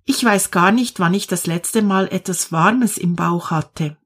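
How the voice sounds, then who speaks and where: A woman voicing a sick, lonely old woman in a storybook reading, speaking quietly and tenderly. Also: fairly low pitch, measured pace, slightly rough.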